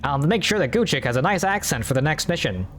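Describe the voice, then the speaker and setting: A man's voice: fairly high pitch, lively intonation, quick pace, a bit bright, soft background music. A man streaming a story game, talking in a rambling, offhand way and swearing casually. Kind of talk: casual let's-play commentary.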